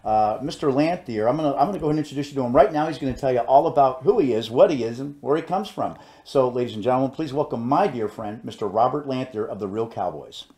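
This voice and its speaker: Older man hosting with halting, filler-heavy intros. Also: medium pitch, animated, mellow. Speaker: interview host. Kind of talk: casual talk-show hosting. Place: indoor studio set, seated. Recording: roomy studio echo.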